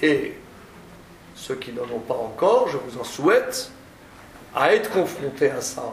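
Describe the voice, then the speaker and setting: A male teacher giving a classroom lecture, often stammering and restarting, stressing points with drawn-out phrasing. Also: medium pitch, big pitch swings. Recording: echoey room, distant mic, faint noise.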